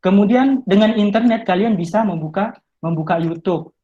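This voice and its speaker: His mellow voice sits high and moves at a moderate pace, though the video-call audio is dull. The man is an English tutor offering study tips online, explaining each step and talking directly to listeners.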